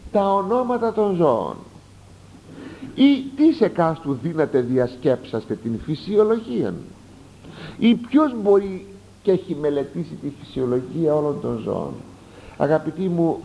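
A man preaching a sermon, reading passages aloud and explaining them with lively asides and sudden rises for emphasis. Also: a little high, vocal fry, slight background noise, low-quality recording. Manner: animated, rising sharply for emphasis, explanatory asides. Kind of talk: sermon expounding a text.

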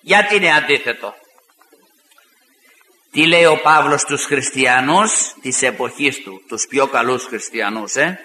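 A man preaching a fiery sermon, rising to shouts and retelling arguments with mocking asides. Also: medium pitch, expressive. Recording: echoey hall with long reverb.

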